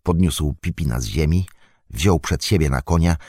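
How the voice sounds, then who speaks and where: A man narrating an audiobook in calm, measured storytelling. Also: extremely low pitch, breathy edge, dry recording, clean studio sound. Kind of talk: scripted narration.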